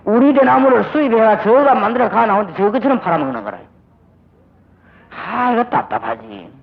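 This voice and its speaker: In a dull old recording from a church sanctuary, an older man from Busan preaches as pastor with a high, sing-song voice that runs a little fast and carries vocal fry. He has a Gyeongsang accent, an emphatic delivery, and acts out little dialogues.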